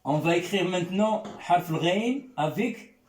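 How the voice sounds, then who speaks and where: A man's voice: high-pitched, expressive, measured pace, darkish tone. A man teaching a lesson in French, patiently repeating sounds and checking on his students with a questioning "hein?". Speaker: Arabic teacher. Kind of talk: classroom lesson. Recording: roomy echo, distant mic.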